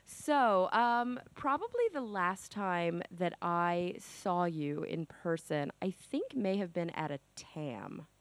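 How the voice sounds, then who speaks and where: A woman hosting a podcast, slightly under the weather, brisk and upbeat as she introduces and interviews a guest. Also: fairly low pitch, animated, no echo. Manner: brisk and upbeat, quick asides. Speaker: podcast host. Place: at a conference venue.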